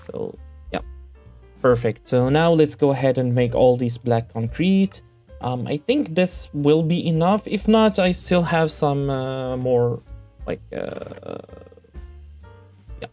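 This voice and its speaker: A sick young man whose voice keeps cracking narrates his Minecraft build in casual commentary, halting often with fillers and self-corrections. His mid-range voice is expressive, mellow, cracky and rough, with faint music behind him.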